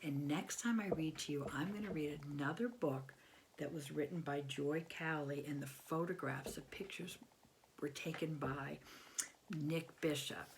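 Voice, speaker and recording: A deep, unhurried voice belongs to a fifty-something American woman reading a picture book to small children. Indoors in a little bedroom at home, she reads with expression, explains things simply, and poses questions to whoever's listening, over some background noise.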